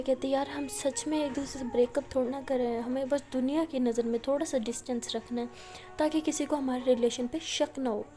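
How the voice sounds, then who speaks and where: A woman's voice: high-pitched, mellow. A woman with an Indian Hindi-Urdu accent, casually retelling a love story and passing on what each character says in chatty indirect speech.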